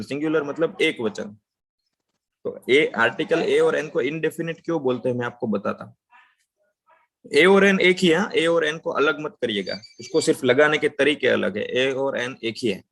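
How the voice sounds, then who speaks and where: Guy teaching english grammar, gravelly voice, keeps checking "right?". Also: medium pitch, fairly bright tone. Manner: explains slowly, asks "right?" often, speaks English examples slowly. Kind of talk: spoken grammar lesson.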